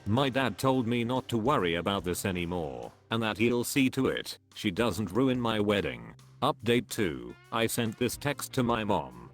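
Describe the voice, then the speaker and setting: A man narrating a story in an even, steady reading voice. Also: on the low side, unhurried, hardly any pauses, faint music behind.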